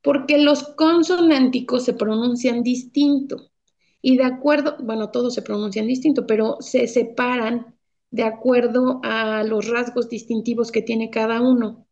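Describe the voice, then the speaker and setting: A woman's voice: fairly high pitch, fairly even intonation, measured pace, darkish tone, dull audio. A woman guest therapist explaining speech patterns patiently, step by step, in an interview.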